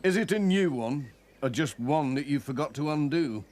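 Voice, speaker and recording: A man's voice: on the high side, lively intonation, moderate pace, a little mellow, a little hiss or hum, lightly acted. A man voicing a kindly, cheerful, helpful village postman in a children's cartoon. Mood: gently teasing. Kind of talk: children's cartoon character acting.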